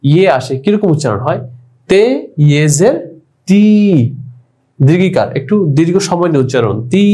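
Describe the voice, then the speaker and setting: A man teaching an online language lesson, patiently spelling out letters and repeating each example slowly. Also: fairly high pitch, warm tone. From Bangladesh.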